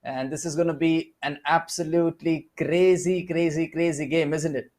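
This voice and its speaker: A man with an Indian English accent commentates an esports football match, his voice sitting on the higher side. He calls the play live and lifts sharply when a big chance comes. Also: fairly even intonation, normal speed, a little mellow.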